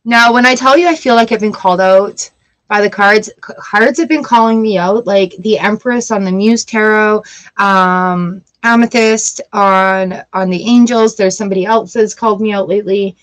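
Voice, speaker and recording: Speaking at a moderate pace, this woman gives a relaxed, casual tarot reading in a voice of ordinary pitch. She reads out what the cards say before slipping into playful, chatty tangents.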